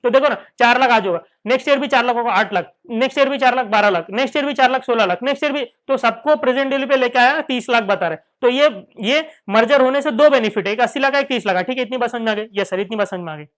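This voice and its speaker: A finance lecturer with an Indian accent teaches a Hindi-English class, posing questions and answering them himself and repeating key points. He acts out students' questions as dialogue. His very high, slightly bright voice moves fast with few pauses.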